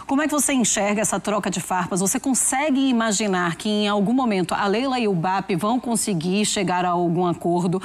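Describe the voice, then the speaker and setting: A woman's voice: medium pitch, brisk, hardly any pauses. Brazilian woman hosting, direct questions. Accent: Brazilian Portuguese. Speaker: host. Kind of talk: studio sports debate.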